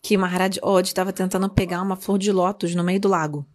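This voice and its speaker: Brazilian woman, slightly low voice, translating a religious story live, hesitant and self-correcting. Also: little pitch movement, fairly quick, a little mellow. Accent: Brazilian Portuguese. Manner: hesitant, self-correcting, apologizing for lost words. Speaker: interpreter of a spiritual talk. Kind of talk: retelling a sacred story in translation.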